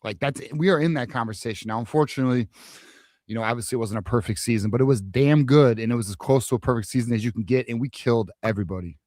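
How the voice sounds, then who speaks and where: A man's voice: medium pitch, fast, darkish tone, no echo. Hyped man talking sports, dry close sound. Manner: hyped, emphatic, repeats phrases, slangy. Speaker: sports show co-host. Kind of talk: casual fan sports talk.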